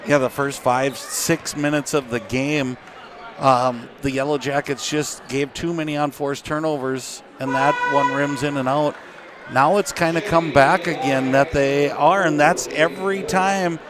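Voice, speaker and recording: A man's voice: a little high, measured pace, a crowd in the background. Folksy man giving basketball color commentary. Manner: relaxed, folksy analysis with fillers and score updates.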